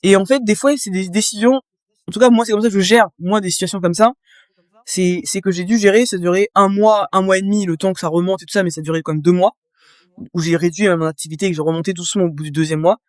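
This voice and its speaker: A woman's voice: mid-range voice, steady tone, quick pace, no room sound, studio quality. A woman guest in a casual interview, explaining her experience with vivid images and talking straight to the listener. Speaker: guest, business coach.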